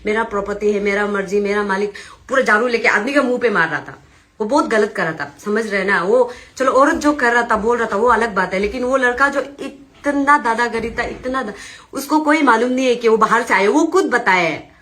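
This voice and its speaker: A woman's voice: on the high side, lively intonation, a little fast, a bit bright. A young woman with an Arunachal Pradesh accent, giving an agitated, insistent eyewitness account to reporters and retelling the dispute with quoted dialogue.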